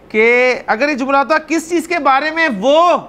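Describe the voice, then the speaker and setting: A man teaching an Arabic grammar class, explaining patiently, calling on students by name and repeating words slowly. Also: extremely high pitch, bright, forceful tone.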